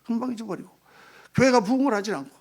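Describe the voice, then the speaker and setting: Man, pastor, sermon, high voice, gravelly, animated storytelling. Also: rapid-fire.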